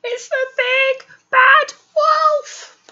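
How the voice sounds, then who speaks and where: A woman voicing a small frightened male pig in a children's storybook reading, crying out in high squeals. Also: fairly even intonation, very slow, pushed and bright, exaggerated voice. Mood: alarmed. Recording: dull lo-fi recording.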